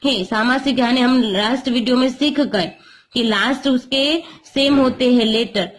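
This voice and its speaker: A woman teaching an online Hindi grammar lesson, explaining slowly and patiently and mixing in English words. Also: sits high, low-quality recording. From India. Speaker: school teacher.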